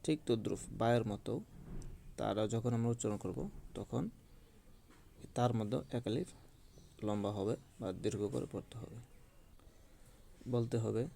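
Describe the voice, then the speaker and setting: A man teaching Quran recitation in a slow, patient lesson, drawing out each demonstrated letter. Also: on the low side, steady tone, creaky, dark tone, slight background noise.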